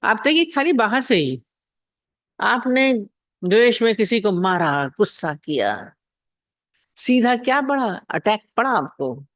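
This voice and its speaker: A man delivers a devotional scripture discourse as a spiritual teacher. He repeats phrases and puts rhetorical questions to his listeners, in a voice high for a man. The sound is dry, with no room echo. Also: big pitch swings, takes it slowly, long pauses, fairly bright tone.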